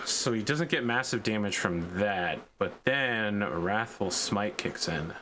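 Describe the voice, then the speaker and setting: A man acts as game master, narrating a tabletop game in a casual way. His voice sits a little low, and faint noise runs behind it. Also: lively intonation, slow pace, sharp tone.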